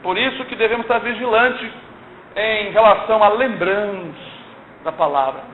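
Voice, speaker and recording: Speaking at a moderate pace in a high voice, an older man shares an earnest church testimony that sounds like a sermon, pressing his audience and repeatedly asking "não é?". Faint hiss and echo come through in the tinny, low-fidelity audio.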